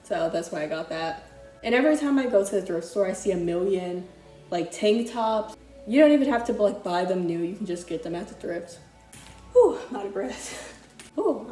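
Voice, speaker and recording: A woman's voice: medium pitch, dark tone. A young woman chatting casually through a thrift haul, rambling with lots of fillers and restarts. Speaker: vlogger. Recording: echoey room with faint music. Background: faint music.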